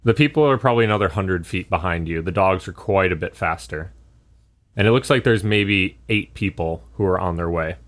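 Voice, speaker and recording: A man narrating a tabletop game as game master, relaxed and hesitant with many fillers. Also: deep voice, fairly quick.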